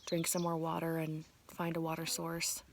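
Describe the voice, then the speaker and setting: A woman's voice: deep voice, completely flat delivery, moderate pace. Weary woman vlogging on a hiking trail. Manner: weary, stressed and sighing, often half-whispering. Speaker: vlogger on a long-distance hike. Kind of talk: casual vlog talk to camera. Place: outdoors on a mountain trail.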